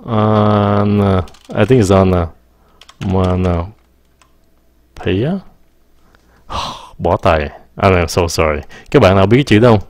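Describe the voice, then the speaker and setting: A man teaching English pronunciation casually, answering viewer questions, stretching words out slowly and laughing at his own slips. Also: lowish voice, no echo. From Vietnam. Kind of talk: casual live-stream English lesson.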